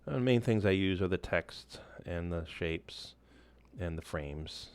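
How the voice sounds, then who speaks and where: A man walking through a software tool in a casual screen-share tutorial, loose and relaxed, with many fillers and restarts. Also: low-pitched, unhurried, clear, resonant tone, no room sound. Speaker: instructor.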